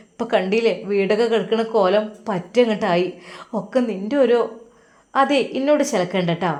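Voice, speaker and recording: A woman voicing a sharp-tongued, scornful middle-aged mother with a Malappuram Malayalam accent, talking loud and high. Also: natural voice. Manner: shrill, loud and scolding.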